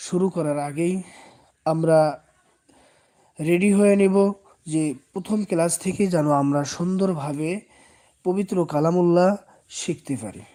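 A Quran teacher with a Bangladeshi Bengali accent gives a slow, step-by-step recitation lesson, patiently repeating each letter and drawing out its sounds. His voice is high-pitched and mellow.

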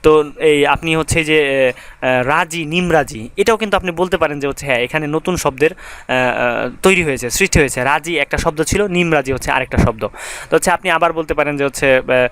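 A man's voice: a little high, fast talker, fairly bright tone, smooth. A young man teaching grammar in a casual, conversational lecture, with many fillers and rhythmic recitation of word lists.

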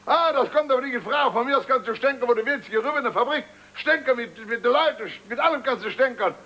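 A man's voice: very high voice, heavily acted. A blustering stubborn father. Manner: blustering, repeats himself, quick to shout. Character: blustering factory-owner father, stubborn and boastful. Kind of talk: stage comedy acting.

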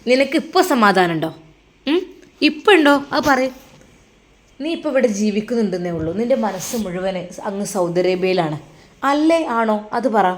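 A woman's voice: medium pitch, animated, normal speed, close to an everyday voice. A woman voicing an elderly father who presses his wife with firm questions. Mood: firm, pressing.

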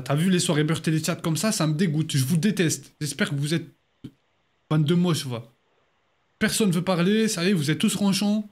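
A man's voice: high-pitched, darkish tone. A man in his twenties from France, teasing strangers in casual live-stream chat with mock-grumpy banter. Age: 20s.

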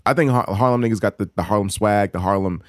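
New dude in his 30s cohosting a pod, lowish voice, dry close mic. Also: quick pace, no echo. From New York, Queens. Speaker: podcast co-host. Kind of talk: casual chat.

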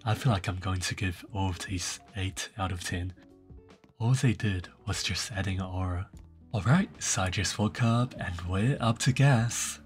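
A young man casually commenting on game cosmetics, rambling and laid-back with lots of fillers. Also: lowish voice. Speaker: gaming channel host. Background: faint background music.

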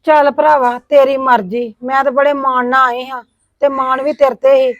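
A woman's voice: sits high, steady tone, moderate pace, lo-fi sound. A middle-aged woman acting a complaining widowed sister-in-law in a village family drama. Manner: complaining, scolding tone.

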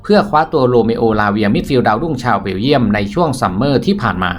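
A man narrating football news in a steady, scripted read-aloud delivery. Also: medium pitch, quick pace. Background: faint background music.

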